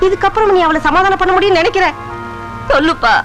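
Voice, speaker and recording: A woman's voice: very high-pitched, quick pace, low-quality recording. An actress playing a middle-aged mother who worries over her son and coaxes him, in a film soundtrack with music behind. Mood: pleading. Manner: coaxing, scolding tenderly. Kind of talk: film drama dialogue.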